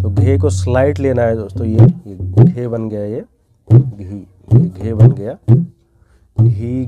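A man's voice: fairly low pitch, dull audio. A young man teaching tabla in a friendly way, addressing his viewers as friends and reciting drum syllables. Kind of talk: online music lesson. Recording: tabla playing behind the voice.

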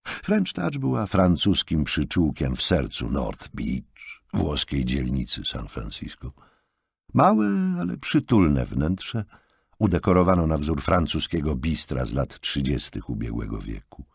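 Gravelly low guy reading an audiobook, very lively, dry close sound. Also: unhurried, no echo. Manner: expressive, animated reading. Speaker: audiobook narrator. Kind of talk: scripted audiobook narration.

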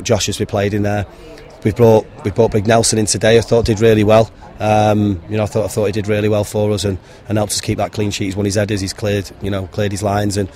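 Man, 30s, low voice, monotone, plain-spoken, halting restarts, pitchside handheld mic. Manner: frank, plain-spoken, many ums and restarts. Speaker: football manager. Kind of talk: post-match interview. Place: outdoors beside a football pitch. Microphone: handheld interviewer mic held to him.

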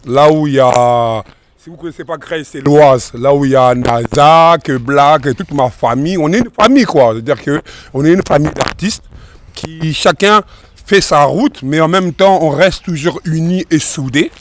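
A man in his thirties from France, his voice a touch high, answering an interviewer in a loose, rambling way outdoors. He speaks into a handheld mic, with restarts and easy pacing. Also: moderate pace, no echo. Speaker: rapper guest. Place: outdoors by a river in a park. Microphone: host's handheld mic.

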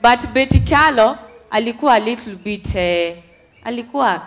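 A woman's voice: fairly high pitch, lively intonation, moderate pace. A young Kenyan woman doing stand-up on an indoor stage through a headset mic, chatty and mimicking voices. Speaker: stand-up comedian. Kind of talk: stand-up comedy in mixed Swahili and English.

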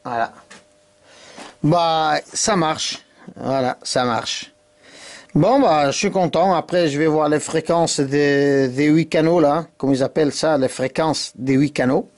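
Casual man with a slightly high voice. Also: slow, darkish tone. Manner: hesitant, informal, tag words. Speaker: amateur video host. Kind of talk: casual hands-on demonstration. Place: cluttered indoor workshop.

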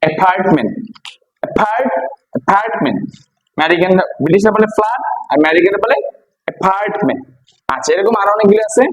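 High-voiced man drilling vocabulary. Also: animated, quick pace, pauses often, a little hiss or hum, low-quality recording. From Bangladesh. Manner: repeats each word and quizzes listeners with questions. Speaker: English teacher. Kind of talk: classroom-style vocabulary lesson.

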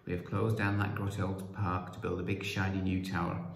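A man playing a rude, pompous male prime minister who shouts and brushes people off, in a read-aloud children's story. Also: level tone, fairly quick, gravelly. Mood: smug. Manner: shouty, dismissive, booming. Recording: roomy echo.

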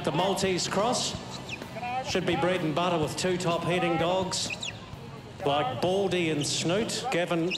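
A man with a New Zealand accent giving enthusiastic, exclamatory live commentary at an outdoor sports event. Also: on the high side. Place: outdoor arena in a city square. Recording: echoey outdoor public address, noisy, barking dogs.

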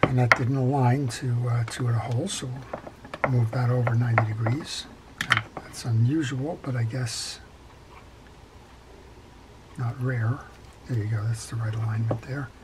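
A middle-aged man with an ordinary mid-range voice talks through a repair tutorial in a calm, practical way, pausing on fillers while his hands are busy. Clear clicks and clatter of small tools and parts run under his voice at the workbench. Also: mid-range voice, heavy background noise. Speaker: fishing reel repair instructor. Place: workshop bench.

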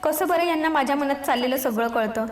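A woman's voice: sits high, fast, slight background noise, close to an everyday voice. A woman voicing a cheerful, shy young wife in an audiobook romance. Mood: playful. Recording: roomy echo with faint music behind.

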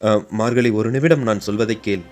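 A man's voice: lowish voice, moderate pace, a little mellow, faint music behind, natural voice. A man doing an earnest, pleading young warrior. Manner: pleading, apologetic.

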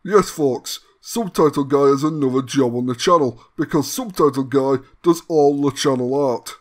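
A man's voice: medium pitch, moderate pace. A man hosting a gaming channel, delivering a comedic announcement with sardonic, mock-grandiose banter.

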